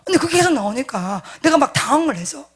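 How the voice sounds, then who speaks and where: High, lively woman pastor preaching. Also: fast. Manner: animated and emphatic, dropping to hushed asides; addresses the congregation directly, seeking agreement. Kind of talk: sermon storytelling.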